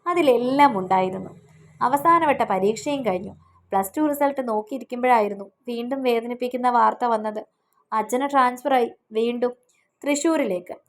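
Female storyteller with a higher-pitched voice, earnest, emotional first-person romance narration. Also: brisk.

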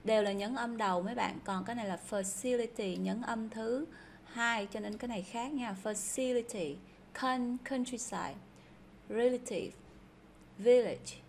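A woman's voice: on the high side, normal speed, creaky, a little hiss or hum. Chatty Vietnamese woman teaching English. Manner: chatty, repeats words aloud for students. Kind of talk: casual explanatory lesson.

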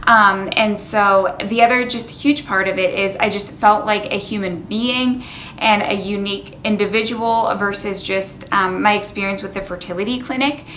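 A woman in her thirties, a wellness coach, talks earnestly to a camera in a personal vlog, sharing her own story with plenty of fillers. Her voice is medium-pitched and sharp, with a little hiss or hum on a low-quality recording. She sits in an indoor room against a plain wall, framed medium by a camera in front of her.

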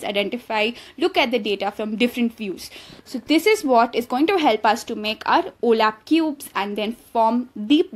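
A woman teaching an online course, explaining slides step by step, with many fillers and restarts along the way. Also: on the high side. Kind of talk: explaining slides in a recorded lesson. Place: voice-over on slides.

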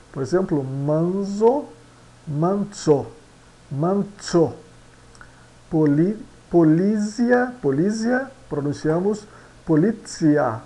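A Brazilian man with a Brazilian Portuguese accent explains a language lesson at a slow, deliberate pace. His voice is slightly higher than usual for a man, with a dark, mellow tone. He often tags his phrases with a questioning "right?" and hesitates between points. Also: gravelly, rough recording. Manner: unhurried, ends phrases with "né?" and hesitant "é" fillers. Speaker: language teacher.

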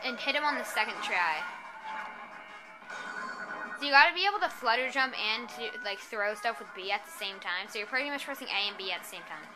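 A woman's voice: a little high, expressive, brisk, rough recording. A young woman casually commenting on a video game she is playing as player one, chatty and giggly. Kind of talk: casual let's-play commentary. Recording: game music behind.

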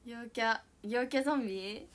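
A young woman with a high, bright voice and a chats casually with viewers on her livestream. She is bubbly and giggly, and she talks loudly. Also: moderate pace. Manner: giggly, bubbly, frequent laughter; self-describedly loud voice. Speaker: idol livestreamer. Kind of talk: casual chat reading viewer comments.

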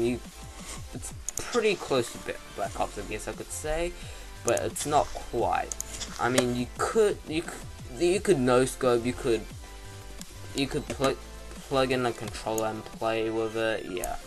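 A young man giving casual gameplay commentary, thinking aloud in a halting, rambling way. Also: lowish voice. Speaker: gaming YouTuber.

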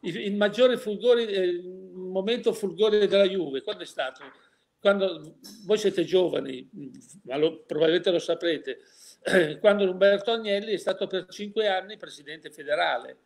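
A man's voice: sits high, normal speed, gravelly. An older man giving an interview, opinionated and full of rhetorical questions, often restarting his sentences. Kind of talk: casual interview.

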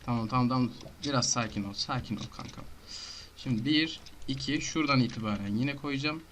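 A man giving casual commentary on his own gameplay, talking to himself and breaking into frantic shouting and rapid repeated words. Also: medium pitch, slight background noise. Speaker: gamer.

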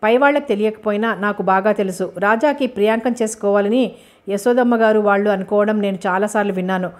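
A talkative, fond middle-aged mother, read by a woman narrator in an audiobook. She chatters on in a gossipy way at a middle pitch. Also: fast talker, close to an everyday voice. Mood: explaining.

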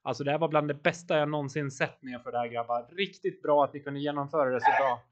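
A man's voice: mid-range voice, muffled recording, very noisy. A man coaching his team live over voice chat during a virtual bike race, encouraging riders and calling out watts and turns.

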